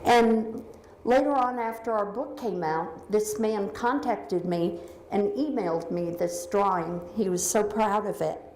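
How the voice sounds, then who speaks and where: A woman's voice: medium pitch, unhurried. A woman giving a slide talk about her book, her voice echoing through a hall's sound system as she explains pictures one by one. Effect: big hall echo through a loudspeaker. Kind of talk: lecture presentation. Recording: echoey hall with faint noise.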